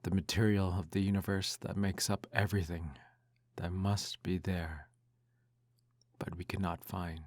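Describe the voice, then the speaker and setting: A man in an ASMR role-play reads a bedtime story aloud in a soft, intimate, hushed voice that slips into speaks softly. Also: low-pitched, level tone, a little slow, no room sound, clean studio sound.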